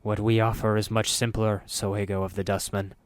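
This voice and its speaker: Man doing a cold collective rat hive mind, measured and commanding, dry close sound. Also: fairly low pitch, little pitch movement, clear, resonant tone, no echo, close to an everyday voice.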